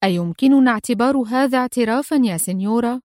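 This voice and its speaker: A woman's voice: fairly high pitch, quick pace, darkish tone, no echo, studio quality, lightly acted. A woman voicing a cold, mocking male police inspector in a read-aloud spy story. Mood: stern mocking.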